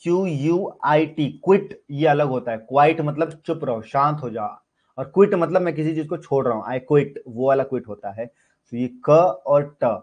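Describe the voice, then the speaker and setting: Man, Indian accent, shorthand teacher, online lecture, husky, a bit high, asks and answers his own questions. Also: normal speed, a little mellow. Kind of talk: online class lecture in Hindi-English mix.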